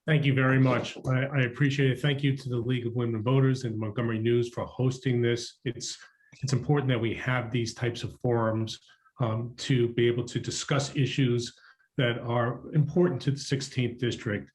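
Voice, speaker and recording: A man's voice: mid-range voice, little pitch movement, moderate pace. A man running for office, giving an earnest opening statement with frequent ums. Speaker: political candidate.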